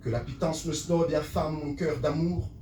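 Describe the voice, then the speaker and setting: Distant slam poet declaiming in a roomy hall. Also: male voice, fairly high pitch, steady tone, moderate pace. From Comoros. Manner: rhythmic declaiming, half-sung refrains, rising to shouts. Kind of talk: slam poetry performance on stage. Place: small Paris theatre with live audience. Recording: roomy, distant, noisy live room.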